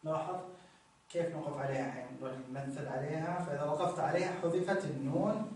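A man teaching grammar, repeating examples slowly and telling listeners to notice each form. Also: a little high, darkish tone, slight background noise. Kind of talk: explaining grammar rules with examples. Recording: very echoey room, distant mic.

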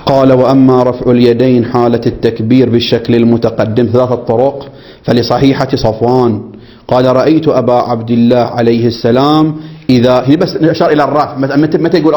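A man's voice: mid-range voice, darkish tone. A man teaching a jurisprudence lesson, reading from a text and explaining it, often checking that his students follow and acting out phrases several ways. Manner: explanatory, keeps checking understanding with the class; demonstrates and repeats phrases in different ways. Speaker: religious teacher.

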